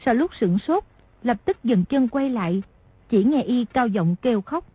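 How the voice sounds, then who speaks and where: A woman narrating a martial-arts novel as an audiobook, telling the story at a steady pace. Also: fairly high pitch, normal speed, slightly rough, no echo. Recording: dry, dull lo-fi audio.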